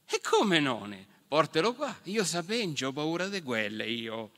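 A man's voice: fairly high pitch, sing-song, measured pace, fairly bright tone. A man voicing a cocky, fearless crusader knight, in a Marche dialect from the Fabriano area. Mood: swaggering. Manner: boastful, swaggering. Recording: reverberant hall.

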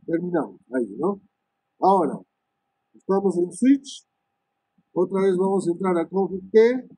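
A male networking instructor talks students through switch commands, thinking aloud, tagging lines with "¿no?" and filling pauses with "este". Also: high-pitched, expressive, warm tone, breathy edge, dry recording, rough recording. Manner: many "este" fillers and restarts. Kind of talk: live screen-share lesson on switch commands.

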